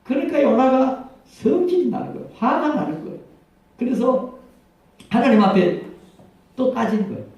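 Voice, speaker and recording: A male pastor preaching a sermon, telling a story in a lively, chuckling way. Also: very high-pitched, moderate pace, long pauses. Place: church sanctuary. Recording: echoey church hall from far off.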